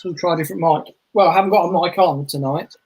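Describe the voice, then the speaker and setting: A man's voice: on the high side, fast talker, a little mellow, a little hiss or hum. A man co-hosting a live hairdressing stream, speaking off-mic, with his voice echoing back through a second device. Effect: echoing sound from his audio looping through a second device. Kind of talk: casual live-stream chat.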